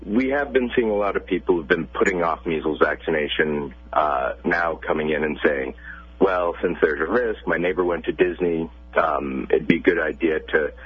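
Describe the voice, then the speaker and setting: Low raspy-voiced doctor guy calling in, tinny phone sound, calm and measured. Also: no room sound. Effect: heard over a phone line. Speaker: pediatrician interviewed as a guest. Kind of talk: radio interview, explaining plainly. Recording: tinny phone line on radio.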